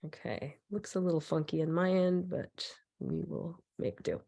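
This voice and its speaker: Hoarse from a cold, a woman with a somewhat low, raspy voice gives an informal talk as a transit equity advocate, rambling loosely with lots of fillers and restarts. Her intonation is lively, her pace moderate and her tone warm, and she comes through a computer mic on a video call.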